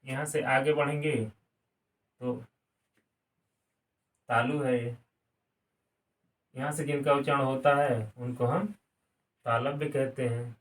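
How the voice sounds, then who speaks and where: A man's voice: mid-range voice, flat delivery, takes it slowly, pauses often. Male teacher, classroom lesson, asks and answers his own questions, distant mic. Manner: asks a question and answers it himself, repeats key words. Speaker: grammar teacher. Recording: distant mic, some room sound.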